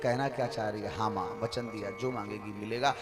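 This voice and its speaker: A man voicing a gentle, humble divine prince who speaks tenderly to his mother and brothers. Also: fairly low pitch, steady tone, fairly quick, loud music behind the voice, voice pushed down, close to an everyday voice.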